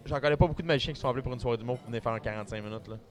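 Animated Québécois man in casual chat. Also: mid-range voice, very fast. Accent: Québécois French. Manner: animated, acts out audience reactions. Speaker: magician and stage performer.

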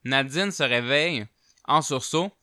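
A man with a Québécois accent casually telling a paranormal story, chatty with many fillers, getting loud at tense moments. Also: medium pitch, measured pace, smooth, dry recording, studio quality.

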